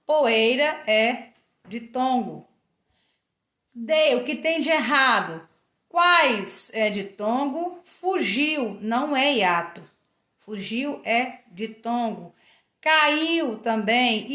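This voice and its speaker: A woman's voice: on the high side, fairly bright tone. A woman with a Brazilian Portuguese accent, a teacher going over exercises for her class and spelling out letters and sounds one word at a time. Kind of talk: recorded class review. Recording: echoey room.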